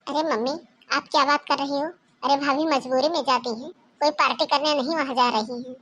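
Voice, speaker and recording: A woman's voice: sits high, steady tone, a little fast, a bit bright, slight background noise. A woman voicing a caring young daughter in a cartoon who speaks up for her sister-in-law in an earnest, persuasive way. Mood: puzzled. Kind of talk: Hindi cartoon voice acting.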